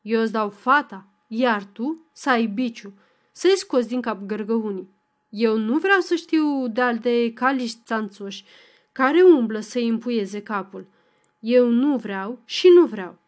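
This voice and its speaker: A woman's voice: fairly high pitch, lightly acted. A woman voicing a drunk, furious middle-aged peasant father who bellows threats in a storybook reading.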